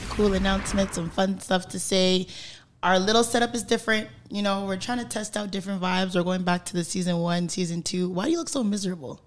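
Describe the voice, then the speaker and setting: Laughing, teasing young woman podcast host. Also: fairly low pitch. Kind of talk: casual podcast chat.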